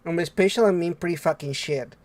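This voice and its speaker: A man hosting a casual gaming podcast, excitable and rambling, laughing often. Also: a little high, a little fast, no echo. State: under the weather. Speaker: podcast host.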